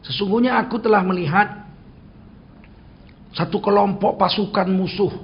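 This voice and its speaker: An older man from Sumatra with a Medan accent, preaching a sermon bluntly and acting out lively dialogues as he tells stories. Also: sits high. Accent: Medan Indonesian. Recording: dull lo-fi recording with faint noise.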